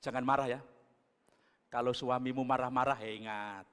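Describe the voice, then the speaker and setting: A man, a pastor, preaching a sermon. He moves between booming exhortation and quiet, chatty asides. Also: steady tone, normal speed, clean tone. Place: church hall. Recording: long church reverb.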